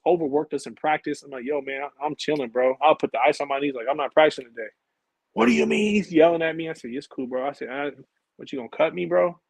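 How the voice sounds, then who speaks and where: A husky-voiced man with a mid pitch, a former college and pro basketball player, is the guest in a casual storytelling interview. He's animated and slangy, acting out his own past conversations, and the recording is dry, without echo, and poor in quality.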